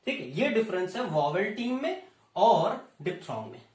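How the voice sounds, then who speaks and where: A man with an Indian accent giving a lecture, explaining slowly and repeating key terms as he moves between Hindi and English. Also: high voice, very animated, a little mellow. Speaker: teacher. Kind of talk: classroom lecture. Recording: roomy echo, voice from a distance.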